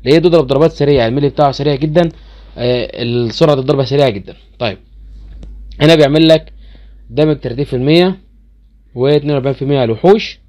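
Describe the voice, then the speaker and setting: Fast-talking Egyptian man explaining a game. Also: medium pitch, darkish tone. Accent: Egyptian Arabic. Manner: chatty, addresses viewers directly, easily incredulous. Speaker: gaming channel host. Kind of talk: casual game commentary explaining skills.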